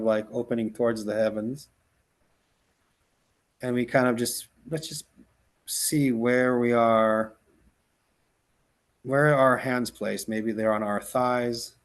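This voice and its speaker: A man's mid-range voice belongs to a Hebrew-native rabbi teaching casually, then guiding a gentle, slow-paced meditation. The delivery is halting, with many false starts, "like," and "right?"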